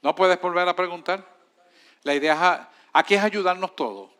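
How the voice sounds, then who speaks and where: A man's voice: high-pitched, normal speed, a bit bright, clean tone. A man with a Puerto Rican accent teaching a church discipleship class in an emphatic, preacherly way and answering students' questions.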